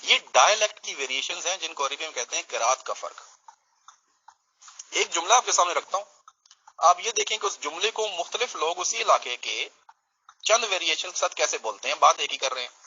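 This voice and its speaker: A man's voice: fairly high pitch, lively intonation, pushed and bright, slightly rough, highs cut off. A man from Pakistan, explaining his case in a religious debate in a teaching manner and checking in with his listener.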